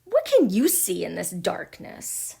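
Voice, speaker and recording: A woman voicing a greedy, boastful caveman boy in a storybook, mocking and loud. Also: medium pitch, lively intonation, unhurried, vocal fry.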